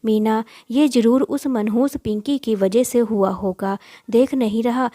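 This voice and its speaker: A woman's voice: fairly high pitch, steady tone, measured pace, dry recording, studio quality. A woman voicing a harsh scolding stepmother. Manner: scolding, sharp-tongued, shouts. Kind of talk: storybook voice acting.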